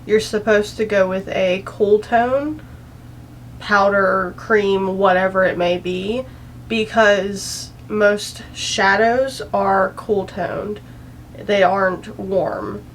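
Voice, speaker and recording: A woman's voice: medium pitch, fairly even intonation, slow, a little hiss or hum, poor audio. A young woman chatting casually through a makeup tutorial, rambling and self-deprecating, a bit anxious and out of breath. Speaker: beauty vlogger.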